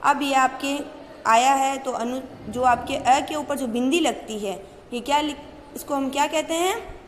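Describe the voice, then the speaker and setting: A woman's voice: high voice, a little slow, a little hiss or hum. A woman teacher with a Rajasthani Hindi accent giving a grammar lesson, posing questions and answering them herself, drawing out key terms. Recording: echoey room with faint ambience.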